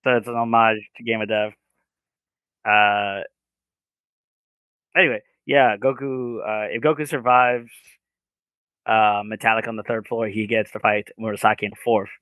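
A man co-hosting a podcast, recapping an episode's plot in a casual way with many filler pauses. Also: on the low side, fairly even intonation, dry recording, narrow, tinny audio. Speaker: podcast co-host.

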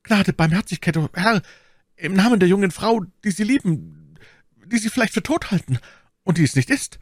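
A man's voice: fairly high pitch, lively intonation, fairly quick, darkish tone, no room sound, clean studio sound, pitched above the performer's own voice. Man voicing a terrified wounded soldier, pleading. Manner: pleading, frightened. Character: terrified wounded male soldier begging for mercy.

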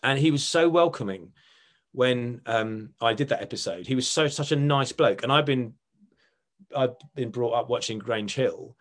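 A middle-aged Essex man speaks at normal speed in a medium-pitched voice. An actor and writer in an interview, he looks back casually in a chatty, rambling manner, frequently correcting himself.

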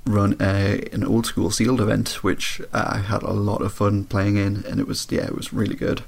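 A man chatting casually, his voice croaky and congested from a head cold. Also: on the low side, flat delivery, normal speed. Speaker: podcast co-host. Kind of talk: casual chat. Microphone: remote internet voice call.

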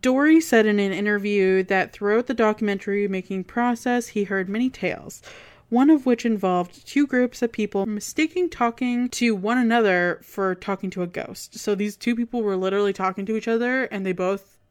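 A woman with a Canadian accent and a clear, smooth voice, co-hosting a podcast and telling local ghost lore in a conversational way. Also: medium pitch, normal speed. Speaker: podcast co-host.

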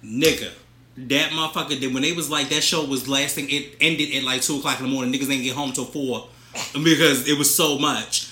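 A man's voice: medium pitch, steady tone, a little fast, pushed and bright, roomy sound. A young man, co-hosting a casual, profane celebrity gossip chat and reading news items aloud with commentary. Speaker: podcast co-host.

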